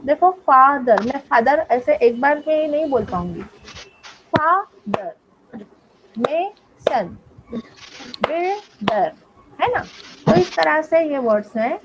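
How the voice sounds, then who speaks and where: A woman teaching an English class, explaining slowly and often checking that her pupils follow. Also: sits high, expressive, lo-fi sound, background noise. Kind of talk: online class lesson in Hindi and English.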